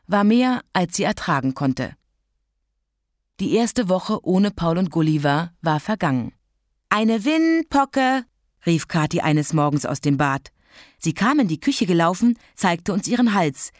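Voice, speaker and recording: A woman reading a children's story aloud in a clear, expressive way. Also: lowish voice, no room sound, clean studio sound. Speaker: narrator.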